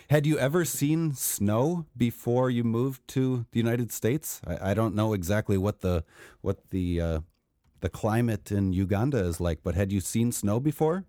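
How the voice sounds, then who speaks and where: A man hosts a casual interview, asking easygoing questions and cheering his guest on with quick affirmations. His voice is low and mellow. The recording is dry, with no room sound. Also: no echo. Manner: relaxed, encouraging, short affirmations. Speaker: interviewer host.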